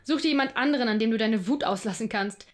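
A conscientious staff psychologist with a measured, reflective delivery, voiced in an audio drama by a woman. Her voice sits at a middle height and stays even as she explains herself. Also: mid-range voice, close to an everyday voice. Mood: indignant. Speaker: psychologist and narrator. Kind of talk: audio drama narration and dialogue.

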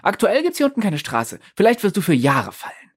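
A man's voice: high voice, wildly swooping pitch, a little fast, breathy edge, voice pushed up, heavily acted. A man voicing a furious, towering female spirit who talks down to the hero with blunt, swearing scorn. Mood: angry scorn.

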